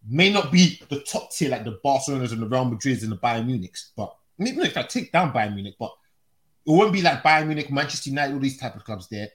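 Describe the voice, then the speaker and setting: A man speaks casually as a football podcast panellist. His voice sits at a medium pitch, and he is emphatic, often repeating words and phrases while building a point.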